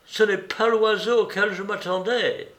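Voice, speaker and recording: A man reads a cool, commanding detective in an audiobook, laying out his accusations with slow, measured precision. The voice sits fairly high and never hurries. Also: steady tone, a bit bright, reverberant. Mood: wry.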